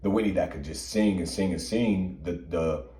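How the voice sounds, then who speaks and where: Man, very low pitch, dark tone, emphatic casual talk, roomy echo. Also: moderate pace. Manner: earnest, emphatic opinions with many fillers. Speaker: podcast co-host. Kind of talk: casual chat.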